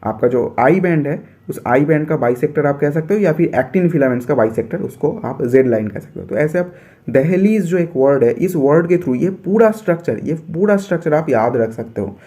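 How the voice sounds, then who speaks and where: A man's voice: on the high side, lively intonation, fairly quick, mellow. A young man from India teaching biology for an entrance exam, explaining step by step and repeating his points.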